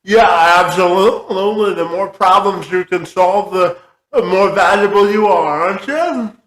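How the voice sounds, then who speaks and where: A man hosting an interview, asking halting questions with many fillers. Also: high voice, fairly bright tone, reverberant, low-quality recording. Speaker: interview host.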